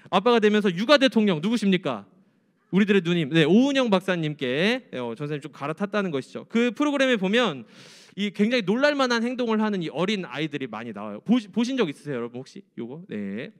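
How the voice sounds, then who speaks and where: A young man preaching to high school students in a church, chatty and joking. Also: very animated, fast talker. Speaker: youth pastor.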